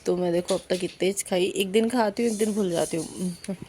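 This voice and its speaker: A young woman with a Hyderabadi accent, hoarse-throated, chatting brisk and coaxing through her home vlog. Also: on the low side, steady tone, mellow, slight background noise. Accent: Hyderabadi Urdu. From Hyderabad, India. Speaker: family vlogger and mother. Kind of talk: casual vlog narration. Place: home, indoors.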